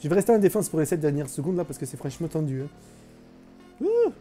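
A man's voice: on the high side, racing, dark tone, soft background music. A young man streaming a live game, chatting with his viewers, joking and mocking himself as he plays. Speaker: gaming streamer. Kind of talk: live gameplay commentary.

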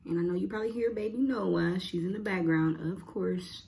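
A woman's voice: medium pitch, a little fast, gravelly, warm tone, slight background noise. A young adult woman chatting casually as a mukbang host, rambling and muttering informally to herself between bites. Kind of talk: casual chat while eating. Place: indoors at home, cloth backdrop.

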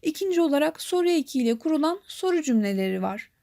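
A young woman teaching a grammar lesson, explaining calmly and clearly and reading example lines slowly. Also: sits high.

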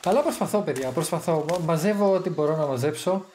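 A man giving casual gameplay commentary, chatty and excitable, thinking aloud as he plays. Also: on the high side, a little hiss or hum. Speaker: gamer streaming his play.

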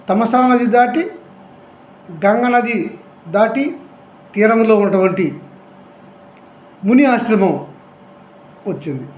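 A man narrates a devotional tale at an unhurried, deliberate pace. His voice sits high for a man and carries the characters' speeches with feeling. The recording has a roomy echo around it. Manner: slow, emotive telling with voiced dialogue. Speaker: storyteller. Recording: echoey room.

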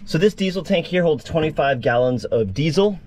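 A man's voice: a little high, expressive, brisk, a little mellow, slight background noise. Chatty man giving a casual tour. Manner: chatty and upbeat, talks straight to viewers. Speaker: vlog host giving a boat tour. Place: inside a sailboat cabin.

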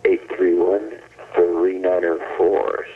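A man deliberately dictating details in an answering machine message over a noisy telephone line. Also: deep voice, flat delivery, breathy edge. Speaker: caller leaving a phone message. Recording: tinny, noisy, distant answering machine tape.

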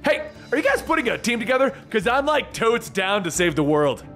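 An excitable mercenary antihero, put on by a male narrator, cracking jokes in slang. The pitch jumps high and swings about in this comic-book telling, over a music bed. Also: fast talker, heavily acted. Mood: flippant. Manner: flippant, slangy, jokey.

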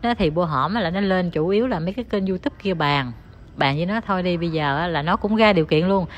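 A woman's voice: fairly low pitch, quick pace. A woman, ranting as an online commentator who talks straight to her viewers in a heated, scornful, insulting tone.

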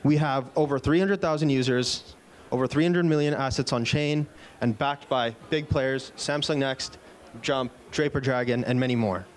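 A man in his thirties delivers an upbeat product keynote from an indoor conference stage in a large event room, holding a handheld mic. His mid-range voice moves at a moderate pace, with a few fillers and restarts along the way.

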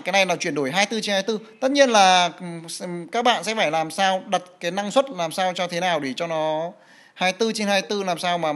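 A man's voice: sits high, a bit bright. A man walking through a mobile game feature in casual talk, with many fillers, repeated words and frequent "right?" checks. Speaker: game guide presenter. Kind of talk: casual gameplay walkthrough.

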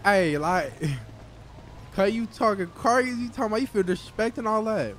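A man improvising street role-play banter in a slangy, profane, excitable way. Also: sits high, normal speed, a little hiss or hum. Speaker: gaming streamer playing a street character in online role-play.

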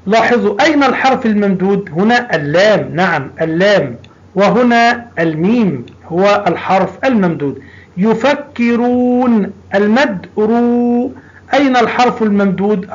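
High-voiced male teacher explaining patiently. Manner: patient, stretches out sounds and repeats words for children. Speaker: primary school Arabic teacher. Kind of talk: recorded classroom lesson. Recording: dull lo-fi recording.

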